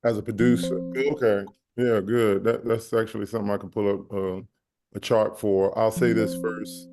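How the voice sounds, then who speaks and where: A man explaining music copyright on a panel in a measured way, pausing often with fillers. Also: fairly low pitch, level tone.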